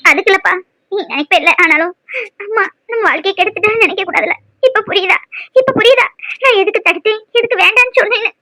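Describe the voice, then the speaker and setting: A woman voicing a sharp-tongued, dramatic middle-aged mother in a cartoon, scolding and lamenting. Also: very high-pitched, fast, no room sound. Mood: reproachful. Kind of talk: cartoon voice acting.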